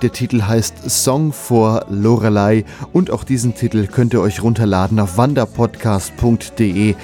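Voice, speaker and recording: A man's voice: fairly low pitch, a little slow, mellow. A man presenting a podcast announcement in voice-over, addressing listeners directly. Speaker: podcast host. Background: music under the voice.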